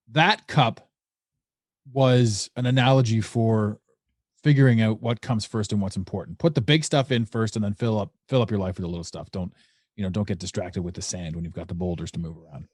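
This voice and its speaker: A man's voice: on the low side, dry recording. Dry-voiced man hosting a podcast. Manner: tells stories with analogies, animated retelling. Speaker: podcast host. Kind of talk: casual conversation, storytelling.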